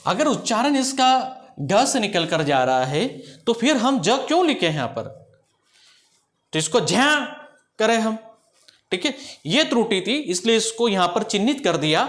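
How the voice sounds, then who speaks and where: A man's voice: high-pitched, sing-song, moderate pace, a bit bright. A man teaching a grammar lesson, explaining step by step and often checking that the students follow.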